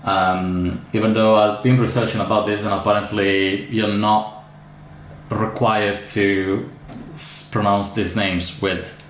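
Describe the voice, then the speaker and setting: Chatting through an unboxing, an Italian orchid grower from Italy speaks slowly with an Italian accent, his fairly low voice showing little pitch movement. He hesitates often, full of fillers and restarts, and the recording has an echoey room with faint background noise.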